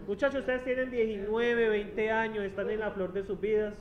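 A man's voice: high voice, steady tone, normal speed. A man lecturing a university class, chatty and teasing, checking in with the students all the time. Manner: chatty, teasing, asks "¿sí?" constantly. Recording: dull lo-fi classroom recording.

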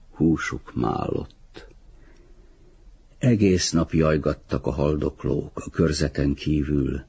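Egy férfi, aki nyugodt, kimért tempóban olvas fel egy regényt hangoskönyvként, rekedtes hangon. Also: male voice, a bass voice, breathy edge, highs cut off. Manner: calm, measured literary reading. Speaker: audiobook reader. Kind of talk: audiobook narration.

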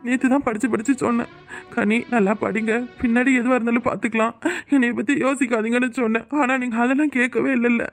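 A woman's voice: a little high, fairly even intonation, fast talker, faint music behind, lightly acted. A woman with a Kanyakumari Tamil accent voicing a caring, worried young man in a cartoon, pleading and reproachful.

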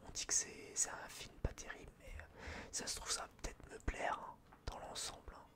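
A creator reviewing newly bought films whispers breathily in a French accent, never using their full voice. The relaxation vlog drifts along casually, with stops and starts and plenty of self-deprecation.

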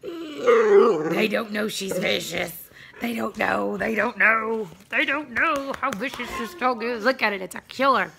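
This Tennessee homestead vlogger has a gravelly, somewhat high voice and an unhurried pace, with crowd noise behind her. She rambles and laughs often while doing farm chores, filmed on a handheld phone outdoors and in a barn.

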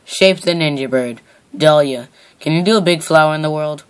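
The host of a homemade puppet show, reading viewer questions aloud in a halting way. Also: medium pitch, clean tone.

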